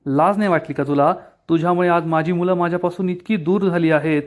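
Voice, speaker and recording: Male narrator reading a scolding, tearful housewife; reproachful, slightly high pitch. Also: fairly even intonation, normal speed, a little mellow, natural voice. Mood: angry. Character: Shilpa, angry tearful woman of the house.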